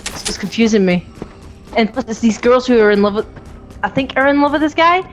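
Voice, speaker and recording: A woman's voice: on the high side, animated, a little fast, soft background music, low-quality recording. A woman chatting casually while playing a game, rambling and hesitant with many restarts. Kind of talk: casual chat.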